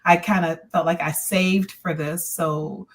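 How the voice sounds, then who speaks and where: A woman guest in a casual livestream chat on a video call, speaking in a measured way with short agreeing replies. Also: fairly low pitch, fairly even intonation.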